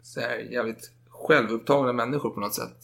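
A man's voice: medium pitch, fairly even intonation, vocal fry, fairly bright tone. A man retelling history in casual chat, swearing freely and acting out the people in his story.

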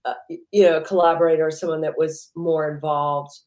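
A woman's voice: deep voice, flat delivery, brisk, a little mellow, roomy sound. A woman entrepreneur being interviewed, chatting casually and rambling with lots of "you know" fillers. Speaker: entrepreneur guest.

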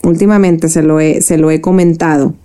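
Mexican woman co-host, casual podcast, mellow tone, blunt and foul-mouthed when venting. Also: low voice, steady tone, normal speed. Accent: Mexican Spanish. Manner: candid, swears freely, vents with feeling. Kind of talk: casual chat.

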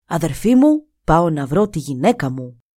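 A woman's voice: sits low, sing-song, dark tone, no echo, studio quality, voice pushed down. Woman doing an earnest young husband. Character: devoted young married hunter, patient.

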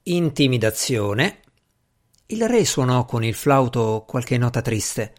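A male audiobook narrator with a middle-pitched voice. He tells the story expressively, with lively swings in pitch. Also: measured pace.

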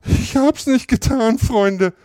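A sobbing panicked drifter, high wailing falsetto, super loud, way up from his usual voice. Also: a little slow, slightly rough, no echo, studio quality, full character voice. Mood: sobbing despair. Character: sobbing, terrified accused vagabond man.

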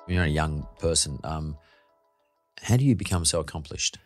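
A man's voice: rumbling low, normal speed, faint music behind. A man hosting an interview podcast, asking probing follow-up questions. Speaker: podcast host.

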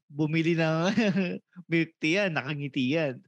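A Filipino man co-hosting a podcast, laughing a lot and swearing as he throws in quick comebacks. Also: a little high, no echo, muffled recording. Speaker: podcast co-host. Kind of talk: casual joking chat.

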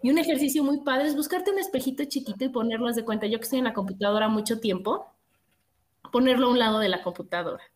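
A middle-aged woman with a Mexican accent, telling stories in an animated, expressive casual chat. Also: on the high side, quick pace. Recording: echoey room.

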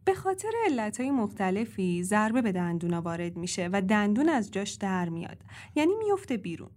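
A woman's voice: mid-range voice, big pitch swings, a little mellow. Teasing, explaining woman co-host. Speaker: podcast co-host. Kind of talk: casual chat and explanation.

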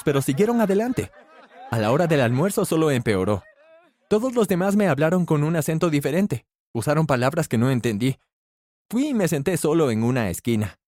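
A man tells a scripted first-person story with animated delivery, changing his pitch to voice the different characters. There's no room sound.

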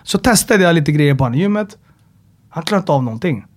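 A man with a fairly high voice tells stories in a relaxed podcast chat. He swears freely and acts out both sides of conversations. He speaks as a personal trainer talking about his clients. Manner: animated storyteller who swears and acts out dialogue.

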